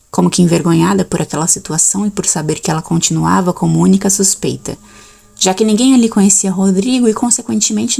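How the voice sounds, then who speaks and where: A woman narrating a first-person audiobook in a steady, storytelling way. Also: mid-range voice, gravelly, slightly rough.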